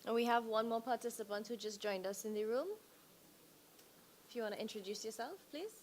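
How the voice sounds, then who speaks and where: A woman's voice: fairly high pitch, brisk, slight background noise. A woman moderating a meeting and calling on participants in an informal way. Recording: faint room ambience.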